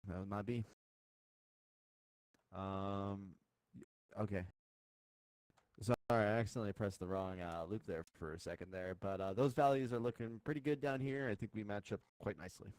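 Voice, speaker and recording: A man's voice: fairly low pitch, moderate pace, long pauses, darkish tone, smooth, no room sound, low-quality recording. A man acting as capsule communicator in a simulation, talking in mission control radio procedure style.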